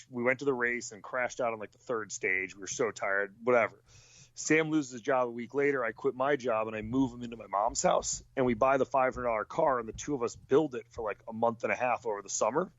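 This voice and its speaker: A man's voice: medium pitch, no room sound. Guy who races cars rambling on with tons of ums, muffled lo-fi audio, dry. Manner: rambling, full of fillers and restarts. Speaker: racing driver. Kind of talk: casual chat. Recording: dull lo-fi sound.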